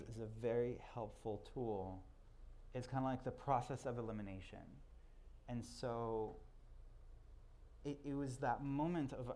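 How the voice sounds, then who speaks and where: Speaking loosely and conversationally to a live audience, a man from Israel whose first language is Hebrew keeps restarting his sentences in a halting, self-deprecating way. His voice is warm and mid-pitched, and he sometimes drifts a bit farther from the microphone.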